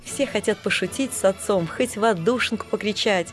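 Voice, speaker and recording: A woman narrating an audiobook in a gentle, expressive first-person storytelling manner. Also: medium pitch, a little fast, faint music behind. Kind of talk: scripted narration.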